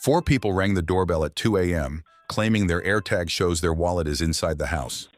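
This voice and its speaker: Deep-voiced male video narrator. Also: moderate pace, dry recording, faint music behind.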